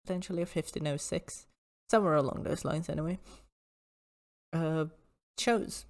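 A woman presenting an informal history lecture in a measured, precise, explanatory way. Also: low-pitched.

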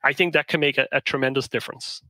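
Bright-voiced Danish-born man explaining. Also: medium pitch, fairly even intonation, quick pace, dry recording, rough recording. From Denmark. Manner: thoughtful, explanatory, with frequent restarts. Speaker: guest, management consultant. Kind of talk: podcast interview answers.

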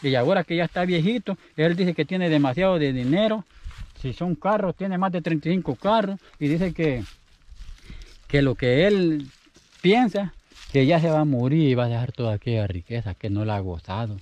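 A man's voice: a little high, moderate pace, a little mellow, poor audio. A Salvadoran man telling a story in casual, rambling speech, often repeating himself. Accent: Salvadoran Spanish. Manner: chatty, rambling, repeats his words. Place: outdoors in the countryside.

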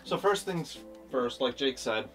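A man's voice: medium pitch, animated, a little slow, fairly bright tone. A young man co-hosting a casual boat tour, upbeat and teasing, often laughing. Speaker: boat-owning video host. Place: small wooden boat cabin, indoors. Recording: voice a bit distant, faint music behind.

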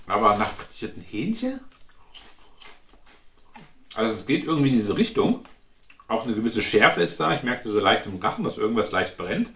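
In a lowish, sing-song voice that sounds pushed and bright, this food review host thinks aloud at a moderate pace, leaving long pauses. He chats informally through a snack taste-test at home, standing indoors in front of a glass cabinet, with a roomy echo and clear background noise in the recording.

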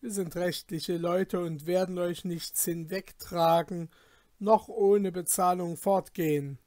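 A man's voice: high-pitched, steady tone, takes it slowly, a little mellow, dry recording, studio quality. A man voicing an honest, astonished craftsman protesting to an innkeeper, in a storybook reading. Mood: indignant. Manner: indignant, astonished. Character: honest astonished male compass-smith craftsman.

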